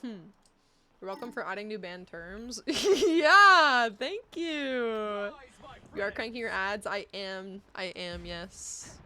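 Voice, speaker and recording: A woman live streamer chatting casually with viewers while gaming, excitable and bubbly, with cutesy greetings and a playful foul mouth. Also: mid-range voice, a little slow.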